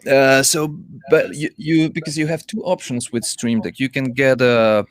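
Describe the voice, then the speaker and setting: A man with a mid-pitched voice chats casually about tech. He explains things haltingly, doubling back on word beginnings. He is heard through a laptop's own microphone. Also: steady tone. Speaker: audio software user explaining gear. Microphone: talking through the laptop's built-in microphone.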